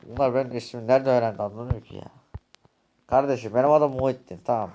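A man's voice: mid-range voice, fast talker, dull audio, background noise, natural voice. A man voicing a scheming male devil who pushes to be let in, in amateur game voice acting on a home desk mic. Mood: pushy. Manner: pushy, wheedling.

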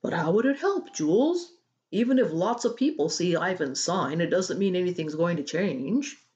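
A woman's voice: fairly low pitch, lively intonation, normal speed, a little mellow, lo-fi sound, lightly acted. A woman voicing a reluctant, cautious, weary father in a storybook, firm and doubtful.

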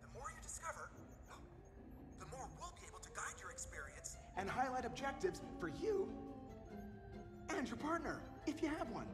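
An actor playing a cheery, salesy male corporate CEO, giving an upbeat promotional pitch with breezy asides. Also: very animated, moderate pace, long pauses, reverberant, long reverb tail, over music. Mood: chipper. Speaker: company CEO in a game video.

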